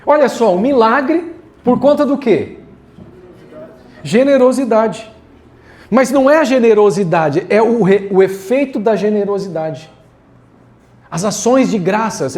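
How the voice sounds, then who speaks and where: A man's voice: sits high, darkish tone. A man preaching a sermon as pastor, casual and joking, talking straight to the congregation. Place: church hall.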